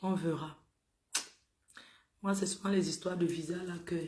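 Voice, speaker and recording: A woman's voice: on the low side, fairly even intonation, normal speed, a little mellow, slight background noise. A middle-aged woman, hosting a casual livestream and scolding her viewers in an exclamatory way. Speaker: livestream host. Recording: roomy echo.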